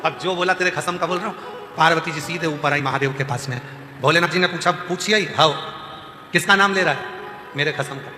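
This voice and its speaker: A kathavachak preacher delivers a devotional sermon to a gathered congregation, acting out the story's characters in lively voices and rising to loud exclamations. His voice sits on the high side and moves a little fast. The hall is echoey, with music behind him.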